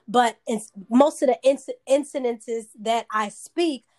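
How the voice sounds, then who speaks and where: Co-hosting a casual conversation, a naturally high-voiced woman speaks earnestly and with emphasis. Her pace is a little slow and her tone a little mellow.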